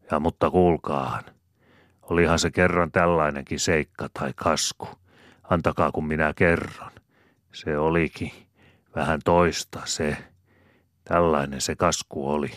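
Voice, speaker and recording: Man voicing a loud, blunt old farm boss, very deep voice, dry close storybook sound. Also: no room sound. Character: gruff hearty older farm boss, loud laugher.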